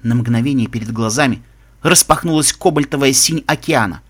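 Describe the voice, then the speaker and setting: A man's voice: mid-range voice, fairly quick, fairly bright tone. A man narrating a fantasy story aloud, reading expressively and voicing the characters' lines. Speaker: audiobook reader.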